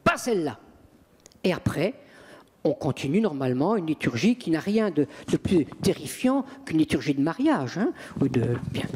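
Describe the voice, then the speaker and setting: A man, an exorcist priest, telling lively and emphatic anecdotes in an interview. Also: on the high side, moderate pace, breathy edge, big-room sound. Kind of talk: interview storytelling.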